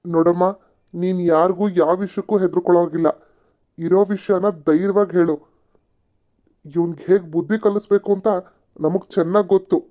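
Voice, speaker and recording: A woman voicing a bossy male police officer in an amateur cartoon serial, gruff and questioning. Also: fairly low pitch, steady tone, brisk, long pauses, dull audio, natural voice. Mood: threatening.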